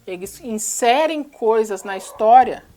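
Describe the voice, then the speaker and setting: A woman's voice: a little high, lively intonation, measured pace, dark tone. A young Brazilian woman with a Brazilian Portuguese accent, giving a sarcastic, exasperated film recap. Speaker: movie recap youtuber.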